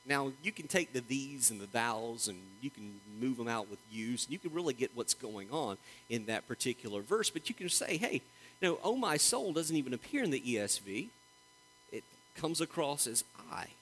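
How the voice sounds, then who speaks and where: A man preaching a sermon as pastor, reading scripture slowly and with emphasis, animated throughout. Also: mid-range voice, slight background noise, poor audio.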